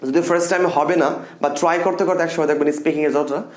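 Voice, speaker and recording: Young male tutor, expressive and upbeat, slightly high voice, echoey room. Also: fast talker. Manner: animated and expressive, repeats example sentences. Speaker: English teacher. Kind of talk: casual spoken lesson.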